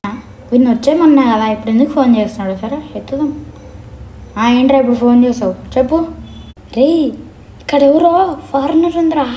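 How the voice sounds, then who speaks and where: Comedy skit lead: a woman with a high voice, animated and bossy, recorded in an echoey room. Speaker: comedy sketch performer. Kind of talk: comic skit dialogue.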